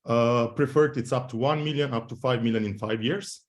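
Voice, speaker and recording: A man introduces himself as a judge and his fund on a video call. He hesitates often, filling pauses, in a plain middle-pitched voice. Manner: hesitant, many "uh" fillers. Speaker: fund managing director, judge. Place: Berlin.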